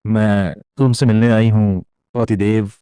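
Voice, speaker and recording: A man voicing a shy, naive female ghost bride who talks softly and sweetly. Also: lowish voice, fairly even intonation, measured pace, clear, resonant tone, no echo, close to an everyday voice. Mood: sweet, innocent.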